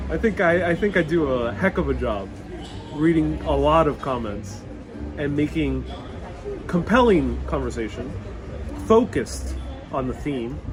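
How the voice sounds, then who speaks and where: A man born in Puerto Rico and raised in New York, a travel vlogger chatting casually on a live stream as he reads out viewer comments and riffs on them. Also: fairly high pitch. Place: outdoors in a European old town. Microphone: wireless clip-on mic. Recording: clear salsa music behind the voice. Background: salsa music playing nearby.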